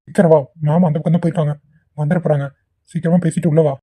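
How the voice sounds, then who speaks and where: A man's voice: a little high, little pitch movement, very fast, warm tone, close to an everyday voice. A man voicing a concerned young male college friend who urges his pal to hurry. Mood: urgent. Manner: urgent, hurrying.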